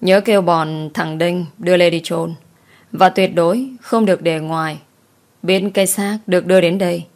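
A woman voicing a young gentleman master who gives curt, cold orders. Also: fairly low pitch, steady tone, moderate pace, natural voice. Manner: curt and commanding.

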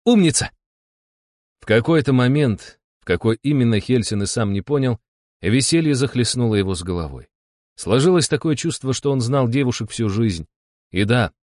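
A man's voice: medium pitch, lively intonation, moderate pace, darkish tone, dry recording, studio quality. A man narrating a humorous novel as an audiobook in a wry, ironic tone. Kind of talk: audiobook reading.

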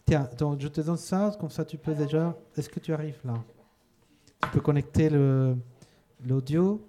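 A man's voice: fairly high pitch, a little slow. A man hosting a live show casually, often stumbling and restarting his phrases. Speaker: show host.

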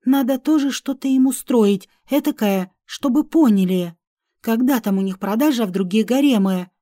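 A woman reads a first-person fantasy audiobook, telling the story wryly and expressively. Her voice is fairly high but mellow in tone. The sound is dry and close. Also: moderate pace, no echo. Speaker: audiobook narrator.

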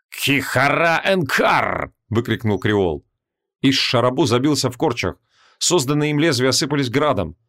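Man narrating a fantasy audiobook. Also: mid-range voice. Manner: even, measured storytelling.

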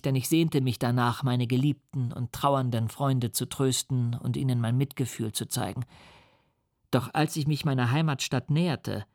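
A man narrating a classic novel in a measured, earnest and solemn reading. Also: medium pitch, vocal fry, a little mellow, no room sound, studio quality. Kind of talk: dramatic literary reading.

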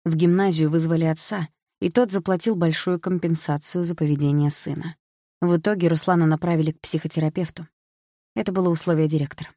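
A woman narrating a novel as an audiobook, in an even, measured reading. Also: low voice, no room sound, clean studio sound.

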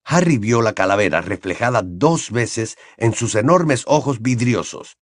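A man narrating an audiobook with an expressive storytelling cadence. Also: medium pitch, a little slow, dry recording, clean studio sound.

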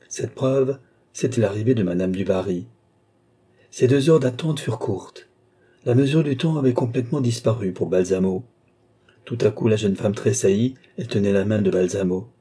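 A man reading a classic novel aloud as an audiobook narrator, in a measured literary manner. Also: on the low side, warm tone, husky.

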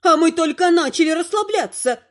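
A woman voicing a haughty, sharp-tongued old grandmother who lectures and scolds in a raised, indignant voice, in an audiobook. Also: very high-pitched, expressive, brisk, voice pushed up. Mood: indignant scolding.

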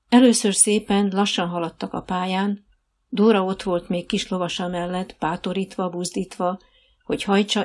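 A woman narrating an audiobook in an even, measured storytelling manner. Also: fairly low pitch, vocal fry. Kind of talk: scripted narration.

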